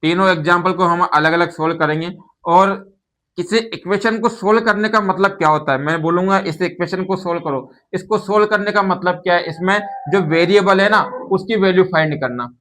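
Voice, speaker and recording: A man's voice: high-pitched, moderate pace, fairly bright tone. A man teaching a maths lesson, explaining patiently and often asking questions and answering them himself. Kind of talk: classroom-style maths lesson.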